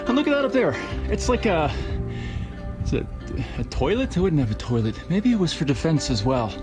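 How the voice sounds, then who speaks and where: A man's voice: a little high, big pitch swings, fairly quick, over music. A man eagerly exploring a castle ruin outdoors, talking to his camera, slightly out of breath and wondering aloud at what he finds. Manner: eager, wondering aloud, keeps saying look. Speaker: adventure vlogger. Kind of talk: excited exploration vlog.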